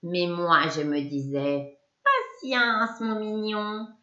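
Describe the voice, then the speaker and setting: Une femme qui joue une vieille sorcière méchante, voix pointue et aigre, ricaneuse, pièce qui résonne, son un peu terne. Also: female voice, fairly low pitch, animated, slow pace, exaggerated voice. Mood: taunting. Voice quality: thin, sharp and sour voice. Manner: sneering, taunting. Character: spiteful old female witch in a broom closet. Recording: echoey room, dull lo-fi sound.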